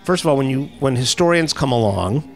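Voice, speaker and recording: A man's voice: medium pitch, expressive, brisk, gravelly, soft background music. Musing man hosting an interview. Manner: musing, ends points with "right?". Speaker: podcast host. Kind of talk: casual interview.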